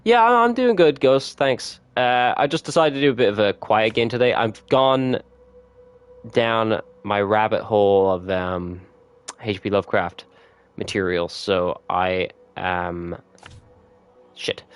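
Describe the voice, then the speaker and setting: A man chatting casually with viewers on a gaming livestream, laid-back and quick to laugh. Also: fairly low pitch, clear, resonant tone. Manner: relaxed, chatty, laughs often, reads notes aloud. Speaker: streamer.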